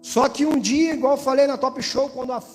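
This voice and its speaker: A man's voice: extremely high pitch, steady tone, brisk. A man with a Brazilian accent from Espírito Santo, giving a testimony in an evangelical church and speaking directly to the pastor and the congregation. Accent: Brazilian Portuguese, Espírito Santo. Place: church hall. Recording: church hall reverb with faint music.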